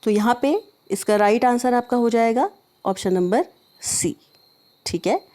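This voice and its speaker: A woman teacher walking through exam questions step by step, often pausing to check in with her students. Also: on the high side, lively intonation, dark tone. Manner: explains step by step, keeps checking in. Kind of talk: exam prep lesson.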